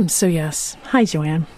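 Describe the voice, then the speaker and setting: A woman's voice: lowish voice, big pitch swings, extremely slow, no room sound, clean studio sound. A young adult woman hosting a podcast interview, friendly, chatting and laughing easily. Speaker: podcast host. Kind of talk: conversational interview.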